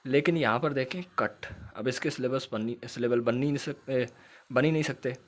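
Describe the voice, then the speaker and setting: A man's voice: mid-range voice, moderate pace, a little hiss or hum. A man teaching shorthand in a recorded lecture, explaining patiently, repeating points and checking that students follow.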